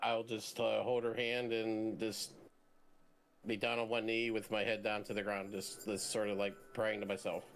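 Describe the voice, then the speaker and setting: A man playing a tabletop game, thinking out loud with hesitations. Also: on the low side, level tone, a little hiss or hum, low-quality recording. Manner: hesitant, halting. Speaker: player.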